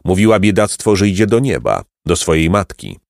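Man doing a kind ancient hermit, gentle, merry, sing-song delivery, low voice, storybook. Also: very animated, fairly quick, vocal fry, dry recording, studio quality, exaggerated voice. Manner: gentle, sweet-voiced, chuckling. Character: kindly ancient male hermit, wise and merry. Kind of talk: storybook reading.

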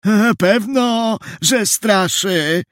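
A man voicing an old, hunched, superstitious worker who insists the place is haunted, in a high, drawn-out voice. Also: fairly bright tone, dry recording, studio quality, heavily acted. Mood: fearful.

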